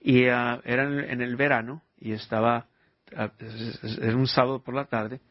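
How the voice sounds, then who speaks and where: A man's voice: medium pitch, flat delivery, normal speed, dry recording, dull audio. A man preaching an informal sermon, telling personal stories and asking his listeners rhetorical questions. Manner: conversational storytelling with rhetorical questions.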